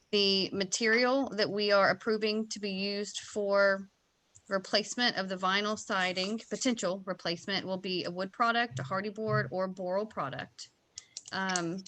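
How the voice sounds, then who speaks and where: A woman's voice: mid-range voice, a bit bright. A woman with a Kentucky accent, a board member formally stating a motion at a city meeting. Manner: measured and formal when reading a motion.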